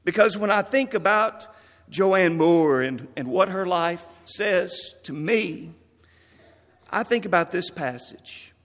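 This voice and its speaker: Earnest pastor in a reverberant hall. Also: male voice, sits high, animated, fairly bright tone. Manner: earnest, measured, quoting scripture. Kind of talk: memorial sermon.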